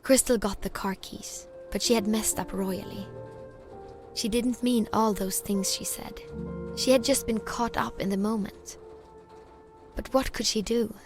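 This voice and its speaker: A woman's voice: medium pitch, fairly even intonation, unhurried, over music, close to an everyday voice. A woman giving scripted storybook narration in a game.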